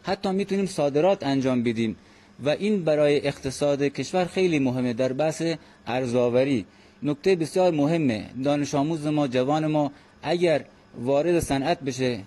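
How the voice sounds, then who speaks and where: A man in a formal radio interview, speaking earnestly and at a measured pace. His voice sits a little high and has a mellow, soft tone. He often pauses on hesitant fillers. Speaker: guest expert.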